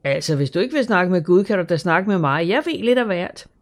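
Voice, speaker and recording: An audiobook narrator voicing a bold, streetwise girl in her early teens who talks lively and unashamed. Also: mid-range voice, lightly acted. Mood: prying. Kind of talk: audiobook character voice.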